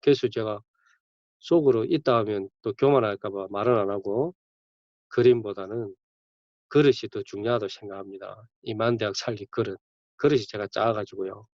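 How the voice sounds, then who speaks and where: A man's voice: fairly low pitch, moderate pace, darkish tone, dry recording. A male campus ministry pastor, preaching conversationally with sudden bursts of emphasis. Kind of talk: sermon. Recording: dull dry lo-fi recording.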